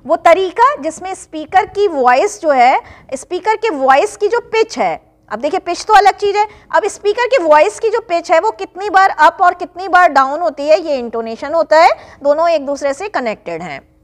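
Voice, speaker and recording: High-voiced woman teaching a lecture. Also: lively intonation. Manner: reads English definitions slowly, then explains in Hindi. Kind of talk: exam-revision lecture. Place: classroom-style online lesson.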